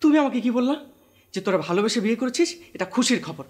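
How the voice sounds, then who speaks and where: Brief: a defiant younger brother, quick, high and lively, always teasing. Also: male voice. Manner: mocking, teasing back. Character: newly married younger brother, young adult man, cheeky and defiant. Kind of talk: Bangla TV drama acting.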